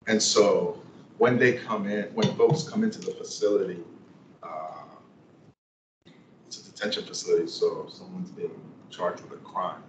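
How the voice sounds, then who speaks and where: A man's voice: fairly low pitch, highs cut off. A sheriff answering questions at a public meeting, methodically laying out his points one by one. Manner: methodical, lists points in order. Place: council meeting room. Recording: echoey room, distant mic, noisy.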